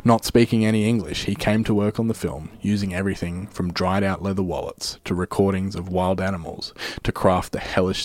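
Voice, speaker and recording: A man's voice: low-pitched, dry recording. A man giving scripted narration in the style of a film-analysis video essay.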